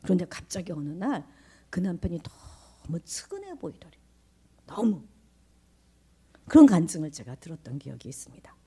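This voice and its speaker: A woman pastor preaching a sermon in church, swinging from raised, emphatic lines to hushed whispers and often putting questions to the congregation. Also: lowish voice, big pitch swings, normal speed, long pauses, husky. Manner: conversational, asks the congregation questions.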